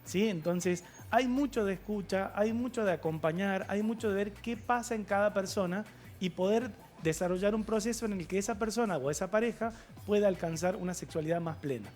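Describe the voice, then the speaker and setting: A man, a guest sexologist on a TV talk show, explaining things in a measured way with filler pauses. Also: high voice, a little mellow, faint music behind. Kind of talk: TV studio interview. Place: TV studio.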